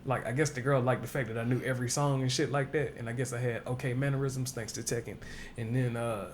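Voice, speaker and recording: A man tells a story in a relaxed, rambling way as he co-hosts a podcast. His voice sits at an ordinary middle pitch. Faint background noise runs under the talk. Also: fast talker. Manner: laid-back storyteller, says "you know what I'm saying" a lot. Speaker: podcast co-host. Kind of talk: casual chat.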